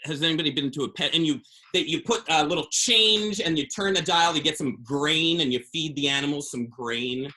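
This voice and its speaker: A man's voice: on the high side, fairly quick, bright, forceful tone, low-quality recording. A man on a school video call, chatting playfully with children between sing-alongs, loose and rambling with lots of ums. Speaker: children's performer on a school visit. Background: his own acoustic guitar.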